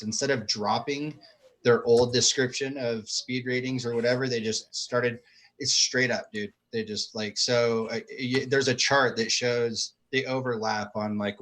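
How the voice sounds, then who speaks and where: This man co-hosts a casual livestream over a video call. He talks with excited bursts and then slides into long, rambling gear explanations, all at an average pitch for a man. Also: low-quality recording. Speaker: show co-host. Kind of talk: casual group chat on a livestream.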